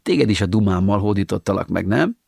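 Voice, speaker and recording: A man's voice: on the low side, animated, creaky, a little mellow, dry recording. Audiobook: man reading a teasing, quizzical woman, slightly raised voice, dry. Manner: teasing, questioning. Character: curious woman teasing her lover.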